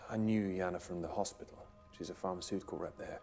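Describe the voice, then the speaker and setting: An actor playing a grieving widowed doctor who talks in a measured, matter-of-fact way. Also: male voice, deep voice, fairly even intonation, darkish tone, faint music behind.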